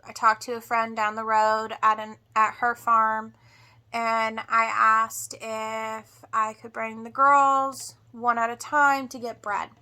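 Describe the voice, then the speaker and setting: Woman doing a casual farm vlog, kinda high bright voice, worn out n emotional after surgery, keeps trailing off. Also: monotone, slow pace, smooth. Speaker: homestead vlogger. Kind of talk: casual vlog update to viewers.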